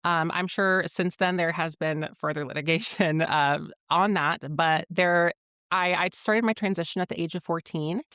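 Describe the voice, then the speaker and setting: A woman's voice: fairly low pitch, fairly even intonation, normal speed, a bit bright, no room sound, studio quality. A woman in her twenties from Rhode Island, a guest on a podcast interview, telling her story candidly and laughing often. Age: 20s. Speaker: guest, founder of a platform.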